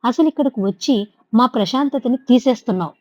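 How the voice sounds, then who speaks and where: A woman's voice: fairly high pitch, a little fast, no room sound, lightly acted. Brief: woman reading harsh, contemptuous young man, storybook, dry dull sound. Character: angry young man, scornful son. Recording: dull lo-fi recording.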